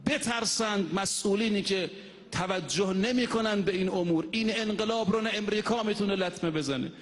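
A man preaches to a mosque congregation in a raised, high voice. He declaims steadily and slows right down whenever he intones a quotation. The sound rings with a long hall reverb. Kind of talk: mosque sermon.

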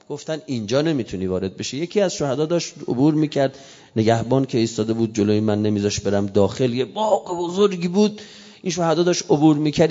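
A man preaching a sermon to a gathering, telling stories with passion and rising to loud cries at their peaks. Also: a little high. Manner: impassioned storytelling, rising to cries. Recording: muffled echoey hall.

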